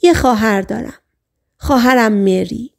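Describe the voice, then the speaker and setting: A woman narrator reads a hypnotized patient reliving a sailor's life, speaking in short, halting, trance-like phrases. The voice sits fairly high with a gravelly fry in it. Audiobook reading. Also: darkish tone. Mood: plain.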